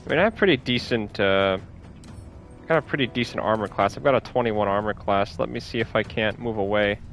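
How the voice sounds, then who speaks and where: A man's voice: lowish voice, brisk, a bit bright, faint music behind. A man giving casual, upbeat commentary while playing a game, thinking aloud about each move. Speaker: gameplay streamer.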